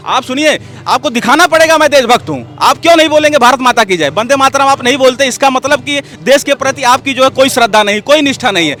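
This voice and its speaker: This very high-pitched man talks fast, his voice expressive, bright and pushed, as he gives fiery political opinions on an interview. He's combative and emphatic, hammering each point and constantly calling for attention with "listen" and "look."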